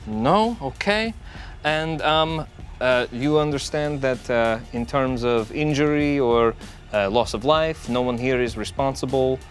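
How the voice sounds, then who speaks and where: A man's voice: mid-range voice, a little slow, soft background music, lightly acted. A man playing a meek, nervous check-in clerk in a tabletop game, polite and hesitant. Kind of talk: tabletop game role-play.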